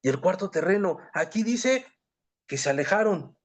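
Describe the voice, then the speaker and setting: A man's voice: high-pitched, expressive, normal speed. A man teaching a Bible class, earnestly reading scripture aloud and addressing his listeners as brothers.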